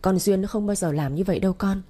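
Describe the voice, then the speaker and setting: A woman voicing a soft, pleading elderly mother who is close to tears in an audio story. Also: medium pitch, fast talker, lightly acted. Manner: pleading, tearful.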